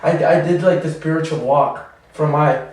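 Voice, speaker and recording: A man's voice: a little high, steady tone, normal speed, a little mellow. A man from El Salvador, a comedian guest telling rambling stories in slangy casual chat, often laughing. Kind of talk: casual podcast chat, storytelling. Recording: echoey room, distant mic.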